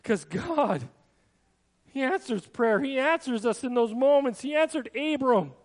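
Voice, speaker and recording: High-voiced man preaching in a reverberant hall. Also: expressive, measured pace. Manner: earnest, conversational preaching with personal asides. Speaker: pastor. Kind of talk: sermon.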